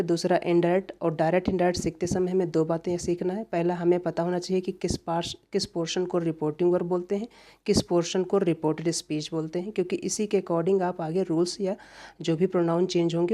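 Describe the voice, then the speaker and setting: His voice high-pitched, a male instructor delivers an online grammar lecture, often restating reminders. The ends of his phrases trail off softly.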